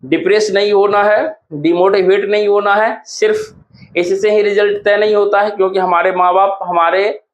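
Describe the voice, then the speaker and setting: A man's voice: sits high, fairly even intonation, normal speed, lo-fi sound, slight background noise. A male teacher with a Bihar Hindi accent walking students through exam answers in a casual, encouraging way. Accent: Hindi-speaking Bihar. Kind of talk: exam solution walkthrough.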